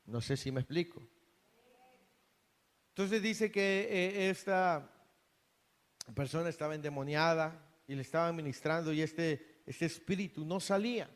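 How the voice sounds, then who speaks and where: A man's voice: on the high side, measured pace, pauses often. A man preaching a sermon in a church hall, earnest, often repeating and restarting words. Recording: long reverb of a hall.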